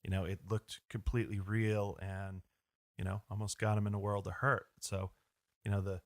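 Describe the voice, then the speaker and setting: A man with a low voice co-hosts a casual podcast, asking leading questions and dropping jokes along the way. The recording is dry and close-miked. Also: little pitch movement, normal speed, no room sound. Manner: joking, asks leading questions. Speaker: podcast co-host. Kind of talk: casual conversational discussion.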